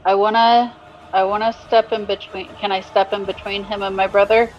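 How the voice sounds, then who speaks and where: A woman's voice: medium pitch, level tone, normal speed. A woman playing a tabletop game, chatting casually and thinking aloud in a hesitant way. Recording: dull lo-fi audio, faint music.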